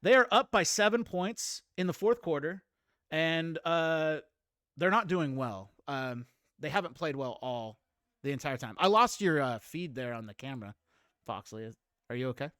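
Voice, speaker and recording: A man's voice: a little high, expressive, moderate pace, fairly bright tone, dry recording, clean studio sound. A man in his late thirties hosting a casual livestream chat, rambling, laughing often and greeting viewers. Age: 30s. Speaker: streamer host.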